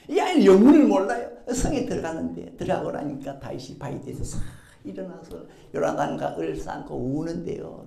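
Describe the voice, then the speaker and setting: Woman, pastor, sermon, emphatic, rhetorical questions, lively pitch, echoey church. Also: creaky. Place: church sanctuary.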